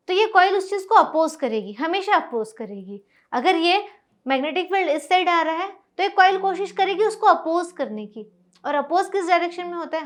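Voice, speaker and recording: A woman teaching a school science lesson, explaining step by step and often asking whether it is clear. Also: high-pitched. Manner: explains step by step, asks checking questions. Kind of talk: classroom lecture on a whiteboard.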